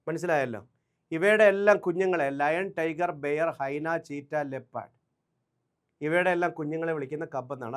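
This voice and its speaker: Man, fairly high voice, Malayali accent, online grammar lesson, drills word lists, quick questions to the class. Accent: Malayali English. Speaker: English teacher. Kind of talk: online exam-prep lesson.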